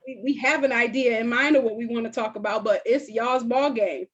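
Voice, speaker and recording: A woman's voice: fairly high pitch, fairly quick, slightly rough. Woman host chatting, lo-fi sound. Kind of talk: casual chat.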